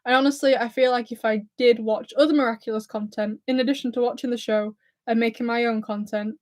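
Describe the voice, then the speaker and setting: Brisk and fairly even in intonation, her voice is on the high side. The speaker, a woman in her twenties living near Blackpool in England, hosts a YouTube livestream in a Lancashire and Scouse accent, nervously chatting and giggling over viewer comments.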